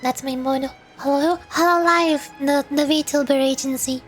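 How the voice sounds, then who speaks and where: Over background music, a woman VTuber chats with her livestream viewers at normal speed, her high voice fairly even in intonation. She's casual, rambling and playful, frequently repeating words.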